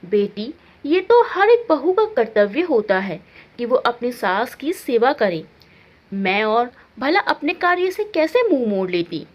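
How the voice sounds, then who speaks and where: A stern, aging mother-in-law from a family storybook, as a woman narrator puts her on, speaking in a slow, measured, lecturing way about duty. The voice is lower than the narrator's own but still swoops up and down. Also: sing-song, dull audio.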